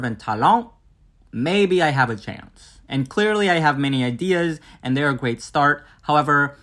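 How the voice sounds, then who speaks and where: A man's voice: mid-range voice, fairly bright tone. A young man hosting a comedic podcast, playful and self-mocking as he tries out bits. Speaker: podcast host. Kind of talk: comedic solo podcast monologue.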